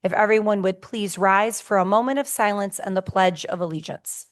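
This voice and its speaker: A woman mayor with a raspy, hoarse voice, chairing a city commission meeting at a table microphone and adding quick asides between the formal steps. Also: medium pitch.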